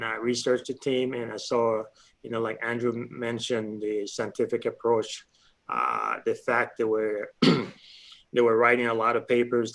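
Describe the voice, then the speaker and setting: A man from Liberia with a Liberian accent, talking on a panel in a relaxed, hesitant way with many fillers. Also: mid-range voice. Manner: hesitant, many fillers, clears throat often. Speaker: panelist, stake pool operator. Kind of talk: casual panel talk.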